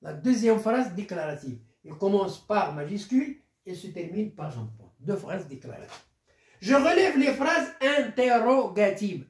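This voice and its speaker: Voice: mid-range voice, roomy sound. A primary school teacher explaining a grammar lesson step by step and repeating key phrases.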